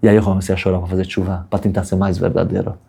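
A man teaching a religious class as an animated storyteller, acting out the voices of people in his story and checking in with his listeners often. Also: low-pitched, very fast, creaky, breathy edge. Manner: animated storyteller, acts out quoted voices, asks "tá bom?" often. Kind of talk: storytelling sermon.

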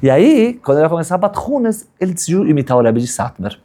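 A man teaching a religious class as an animated storyteller, acting out the voices of people in his story and checking in with his listeners often. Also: fairly high pitch, fast. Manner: animated storyteller, acts out quoted voices, asks "tá bom?" often. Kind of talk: storytelling sermon.

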